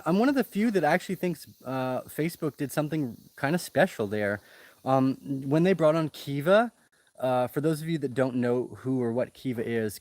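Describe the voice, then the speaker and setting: A man's voice: mid-range voice, a little mellow, dry recording. A man in his thirties hosting a casual livestream Q&A outdoors, talking loosely with lots of ums and restarts. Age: 30s. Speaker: livestream host. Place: outdoors in the jungle. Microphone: laptop mic.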